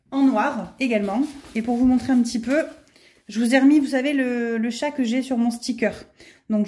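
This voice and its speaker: A woman's voice: fairly high pitch, darkish tone. A middle-aged woman chatting casually to camera, enthusiastic and full of fillers as she shows off handmade products. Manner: enthusiastic, many fillers and repeats. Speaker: vlogger showing handmade products.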